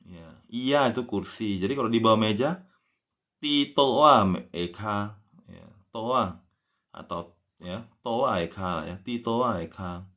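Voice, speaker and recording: A man teaching language on a casual live stream, patiently drawing out example words and spelling them letter by letter, with a soft "ya" closing almost every phrase. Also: lowish voice.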